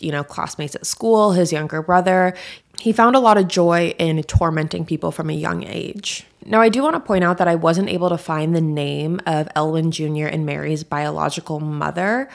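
Lower-pitched woman, true crime podcast narrator. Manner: true crime narrator, casual and direct to listeners. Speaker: podcast host.

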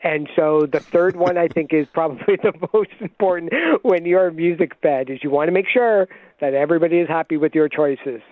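A man joining a radio talk show by phone, explaining in an enthusiastic, fast way. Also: on the high side, no room sound. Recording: tinny phone line.

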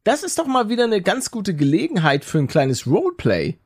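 A man's voice: high-pitched, huge pitch swings, breathy edge. A young man co-hosting a casual comedy podcast, rambling and joking. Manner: rambling, jokey, quick to laugh. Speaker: podcast co-host.

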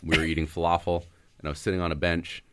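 A man's voice: deep voice, little pitch movement, quick pace, a bit bright. A male comedian on a radio panel, telling laid-back road stories and laughing often. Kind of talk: casual radio panel chat.

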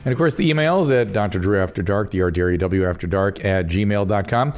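Relaxed man hosting a podcast. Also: fairly low pitch, quick pace, faint music behind. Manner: relaxed, chatty, asks short follow-up questions. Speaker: podcast host. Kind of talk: casual interview chat.

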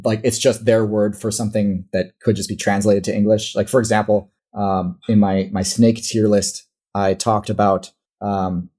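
A man with a Midwestern American accent chats in a relaxed, rambling way, often restarting his sentences. His voice sits a little low and sounds husky. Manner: rambling, self-correcting, laughs often. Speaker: guest, animal-ranking YouTuber. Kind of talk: casual podcast conversation.

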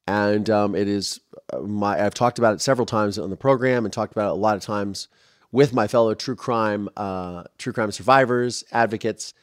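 A podcast host in his thirties talks at a moderate pace in a voice on the low side, rambling casually with restarts and fillers. When something moves him, he becomes openly emotional and his voice softens. Clean studio sound, no echo.

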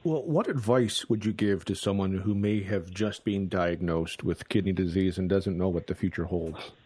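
A man's voice: low voice, normal speed, dark tone, slightly rough, no echo. A man with a Canadian accent hosting a radio interview, conversational with hesitant uhs. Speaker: radio host.

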